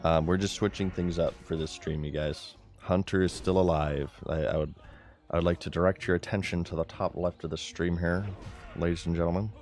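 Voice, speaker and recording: Male streamer, deep voice, excitable chatty play-by-play with soft music underneath. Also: brisk. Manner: excitable, chatty, talks to his chat. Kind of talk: live gameplay commentary.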